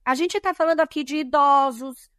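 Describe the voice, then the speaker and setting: A diversity and compliance specialist from Bahia, Brazil, speaks with a Bahian Brazilian Portuguese accent as a guest in an explanatory podcast interview, emphatic and didactic as she lists points. Her high voice is a bit bright at a normal speed, and the sound is dry with no echo.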